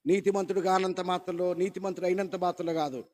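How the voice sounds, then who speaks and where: Preacher, man, Telugu accent, very high voice, fervent declaiming sermon delivery. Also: fairly even intonation, fast talker. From India. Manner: fervent, swings from loud declaiming to low asides; acts out quoted dialogue in rustic colloquial voice.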